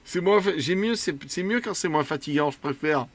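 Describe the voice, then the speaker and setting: A man's voice: on the high side, expressive, normal speed. A man hosting a casual tech show, gushing and joking, with a mocking, childish way of repeating himself. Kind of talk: excited casual commentary.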